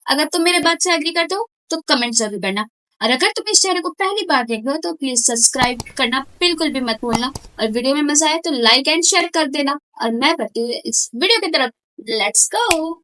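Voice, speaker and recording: Bright high-voiced young woman reacting. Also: animated, moderate pace, a little hiss or hum, low-quality recording. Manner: chatty, addresses viewers directly. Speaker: reaction channel host. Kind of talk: casual video reaction commentary.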